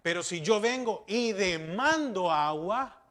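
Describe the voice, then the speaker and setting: Slow-preaching high-voiced man pastor. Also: animated, a bit bright. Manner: rhetorical questions, emphatic repetition. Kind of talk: sermon.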